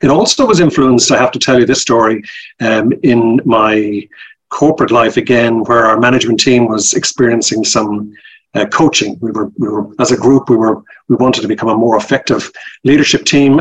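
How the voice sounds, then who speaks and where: The rough recording captures a middle-aged company director from Ireland speaking with a Dublin accent as a guest in casual interview chat. At normal speed, his slightly rough, mid-range voice rambles hesitantly with many ums and restarts.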